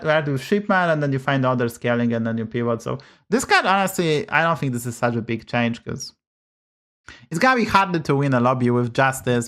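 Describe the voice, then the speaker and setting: A man with a medium-pitched, slightly bright voice and a Polish accent, whose native language is Polish, commentates a game stream casually from home. He's blunt, swears freely and goes off about bugs.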